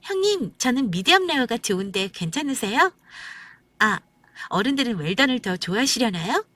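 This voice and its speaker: A woman's voice: a little high, big pitch swings, normal speed, fairly bright tone, no room sound. A woman voicing a smug young sister-in-law who talks down to others, in a condescending, insistent, sing-song way. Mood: sweetly showy. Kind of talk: storytelling radio acting.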